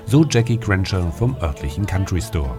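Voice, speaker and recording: A man reading scripted radio feature narration in a calm, measured way. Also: low voice. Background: music bed.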